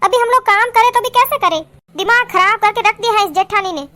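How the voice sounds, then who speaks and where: A woman voicing a quarrelsome, sharp-tongued young sister-in-law who scolds and insults in a cartoon. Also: very high voice, a little fast. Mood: ranting. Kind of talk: cartoon voice acting.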